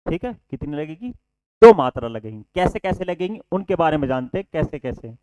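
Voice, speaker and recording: A man with a slightly raised, smooth voice teaches a Hindi lesson step by step. He keeps quizzing his students and answering his own questions. The sound is dry and close but a little dull and lo-fi. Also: a little high, big pitch swings, fairly quick, warm tone, dry recording. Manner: explains step by step, often asks the class questions and answers them himself; addresses students as children, repeats "ठीक है". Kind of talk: online exam-prep lesson.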